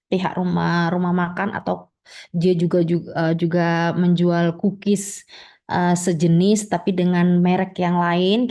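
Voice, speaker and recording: A woman's voice: lowish voice, warm tone. A woman lecturer explaining with everyday examples in a conversational teaching style, acting out the people involved. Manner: conversational, many fillers and restarts, acts out examples.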